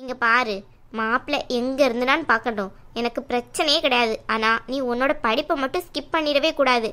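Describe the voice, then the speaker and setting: Woman as a stubborn young cartoon woman, high bright voice, blunt, argumentative. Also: brisk, clear, resonant tone. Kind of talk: cartoon dialogue.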